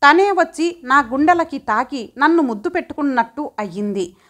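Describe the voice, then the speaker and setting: A woman narrating a story in the first person in a steady, measured storytelling manner. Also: sits high. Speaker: audiobook narrator.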